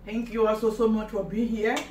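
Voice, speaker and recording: A woman's voice: a little high, flat delivery, fairly quick, darkish tone. A woman in her thirties with a Nigerian accent hosting a casual mukbang, exclaiming and talking between mouthfuls. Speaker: host of an eating show. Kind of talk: casual mukbang eating chat. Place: kitchen or dining room indoors. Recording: roomy, distant mic, faint noise.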